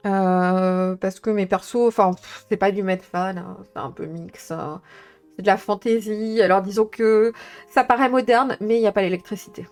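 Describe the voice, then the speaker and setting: A woman's voice: medium pitch, fairly even intonation, normal speed, a little mellow, faint music behind. A woman chatting casually on a live stream, thinking aloud with many fillers as she talks through tabletop games.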